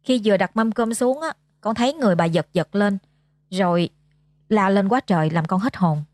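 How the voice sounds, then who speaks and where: A woman with a Southern Vietnamese accent voicing a timid young servant girl, speaking high, anxious and deferential. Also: moderate pace, a little mellow, no echo, lightly acted. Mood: worried.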